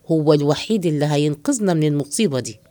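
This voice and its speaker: A woman with an Egyptian accent voicing a scheming, henpecked middle-aged man who plots in hushed tones. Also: animated, fast talker, no room sound. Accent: Egyptian Arabic. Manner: low hushed plotting tone.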